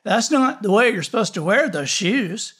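Excited little boy, high and stammering, put on by a man narrating. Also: normal speed, breathy edge, exaggerated voice. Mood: eager. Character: young boy, eager and puzzled.

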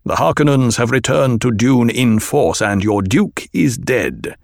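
Man doing a gravelly, stern desert chieftain. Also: medium pitch, expressive, no room sound, clean studio sound. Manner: slow, grave, deliberate. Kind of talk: audiobook reading.

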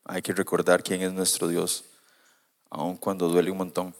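A man preaching a sermon, animated, moving from quiet asides to loud emphatic points. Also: deep voice, normal speed.

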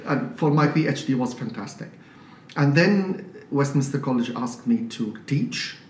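Syrian-accented man, measured and explanatory. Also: medium pitch, expressive. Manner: measured and explanatory, with frequent restarts. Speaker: guest priest. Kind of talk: conversational interview. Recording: roomy, slightly distant mic with faint noise.

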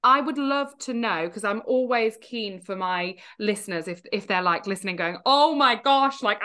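Brief: woman podcast host, bright crisp tone, eager and chatty. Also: medium pitch. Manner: enthusiastic, fillers like "like". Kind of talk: interview questions.

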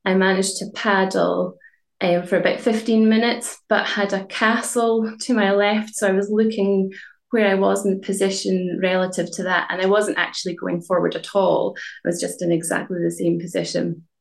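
A woman in her forties with a Highland Scottish accent, giving a conversational, reflective personal account in an interview. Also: vocal fry, reverberant. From Inverness, Scottish Highlands. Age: 40s. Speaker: rescued paddleboarder telling her own story.

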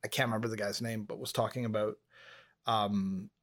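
A man's voice: lowish voice, steady tone, brisk, fairly bright tone. A man from Montreal, Canada, co-hosting a casual podcast chat and rambling through stories. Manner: chatty, rambling storyteller. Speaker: podcast co-host.

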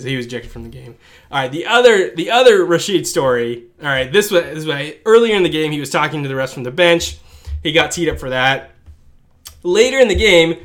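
A man's voice: on the high side, fairly bright tone. A man co-hosting a casual show, animatedly recounting sports stories with frequent laughs and asides. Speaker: podcast co-host. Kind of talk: casual storytelling chat.

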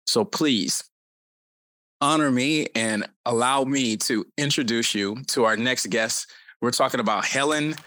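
A man's voice: mid-range voice, measured pace, bright, forceful tone, no echo. A man hosting a podcast interview, effusive and given to repeating his phrases. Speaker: podcast host.

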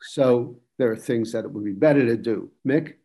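A man's voice: mid-range voice, normal speed, gravelly, mellow, slightly rough. Firm, instructive man moderating. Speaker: discussion moderator. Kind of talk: professional discussion.

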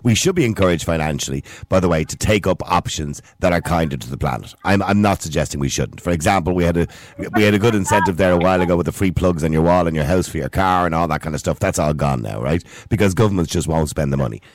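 A man's voice: low voice, fast talker, dry recording. A man arguing insistently and cutting in during a heated pundit debate. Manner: argumentative, interrupting, insistent.

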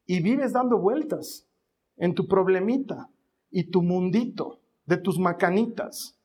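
A man's voice: sits high, slow pace. A man preaching a sermon, telling a family story and acting out every voice in it. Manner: animated storytelling, acts out voices.

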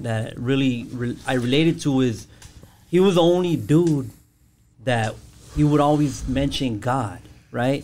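A man speaking as a podcast guest in a casual, personal way, halting and searching for words in loose slang. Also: mid-range voice, a little mellow. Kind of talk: casual chat, personal testimony.

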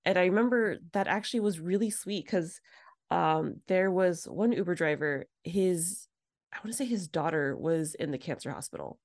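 A woman co-hosting a podcast in casual chat, telling stories and acting out both sides of conversations with big jumps in pitch. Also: normal speed, dry recording, studio quality. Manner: animated storyteller, acts out dialogue with big pitch jumps. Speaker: podcast co-host.

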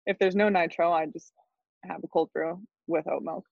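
Young female guest from Colorado, easy laugh; gravelly voice, dry, muffled lo-fi audio. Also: lowish voice, steady tone, normal speed, dry recording. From Colorado, USA. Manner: laughs easily, hesitant starts. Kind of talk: casual chat. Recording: dull dry lo-fi call audio.

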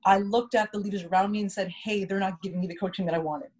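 This woman, a podcast co-host and native English speaker, talks at a quick pace with a medium-pitched, husky voice that is darkish and steady in tone. She tells a personal story candidly and reflectively, often repeating words for emphasis.

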